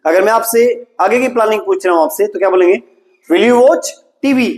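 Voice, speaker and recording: A man with an Indian accent and a fairly high voice runs a classroom English drill. He fires questions in Hindi and has students answer in English. He calls the students "beta" and praises them often. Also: a little fast, darkish tone. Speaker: English teacher.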